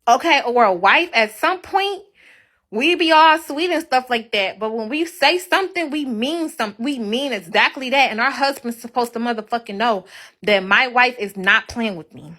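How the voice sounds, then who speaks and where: A young woman rants to her livestream audience in a casual, unfiltered way. Her voice sits a little high, and she swears freely, hammering each point home. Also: animated, normal speed, sharp tone. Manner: blunt, profane, emphatic ranting.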